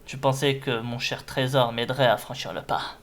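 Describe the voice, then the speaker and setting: A man's voice: medium pitch, fairly even intonation, normal speed, close to an everyday voice. A man voicing a timid, self-pitying little creature from a video game, hesitant and dejected as it longs for courage. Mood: discouraged.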